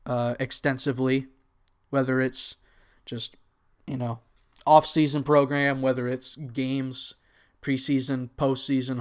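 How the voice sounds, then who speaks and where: Rambling casually through his unscripted solo podcast, a twenty-something American host with a Texan accent keeps correcting himself mid-thought. He speaks at medium pitch with a fairly bright tone.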